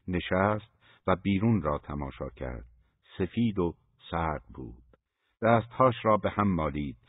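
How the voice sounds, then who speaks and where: A man narrating an audiobook in a measured, even storytelling manner. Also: low voice, slightly rough, no echo. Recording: dry, phone-like narrow sound.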